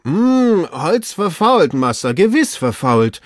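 A man reading aloud, voicing a fearful male servant calling down from high in a tree in broken, drawn-out speech. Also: very animated, no echo, studio quality. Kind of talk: audiobook reading.

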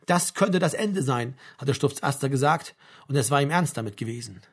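A man reading an audiobook in a dry, even storytelling manner. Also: medium pitch, moderate pace, breathy edge. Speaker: audiobook narrator. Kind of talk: audiobook narration.

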